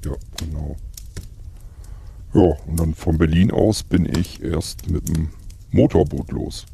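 Very deep, gravelly raspy man. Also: fairly even intonation, slow, warm tone. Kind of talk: in-character survival role-play chat.

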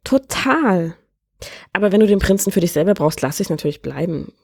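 A woman voicing a cheeky, playful young maid in a storybook reading, with a lively manner. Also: on the low side, racing, creaky, no echo, studio quality. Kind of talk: storybook character voice.

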